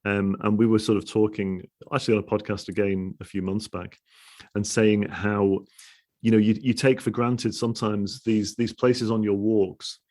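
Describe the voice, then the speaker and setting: A male podcast host with a lowish voice talks casually. He restarts his sentences often and keeps saying "you know" as he warms to his guest. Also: level tone, normal speed. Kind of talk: casual interview conversation.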